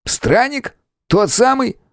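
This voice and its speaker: A man voicing an excitable, loud male sidekick in an audiobook, speaking high and jumpy. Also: takes it slowly, no echo, clean studio sound, exaggerated voice. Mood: amazed. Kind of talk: audiobook character voice.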